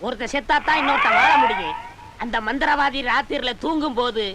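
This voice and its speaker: A man's voice: very high-pitched, huge pitch swings, fairly quick, very noisy, exaggerated voice. An actor playing a short, scheming male disciple who talks in a sly, whining way in film comedy dialogue.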